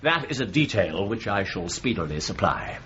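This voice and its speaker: Sardonic gentleman detective, British accent, mid-pitched but very animated, slightly noisy muffled radio play. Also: normal speed. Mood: amused, mocking. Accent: British English. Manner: incisive, dryly mocking. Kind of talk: radio drama acting. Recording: dull radio recording with faint noise.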